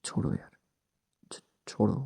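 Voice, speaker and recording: A man voicing a young husband married to his ex, gruff but tender, in a hushed, soothing, teasing whispered role-play. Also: takes it slowly, dry recording, clean studio sound, natural voice.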